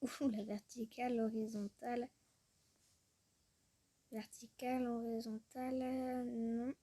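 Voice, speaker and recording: A young woman chatting casually as a vlogger, trailing off often, giggling, and sounding out foreign words haltingly. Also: a little high, flat delivery, dark tone, breathy edge. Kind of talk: casual screen-recorded chat.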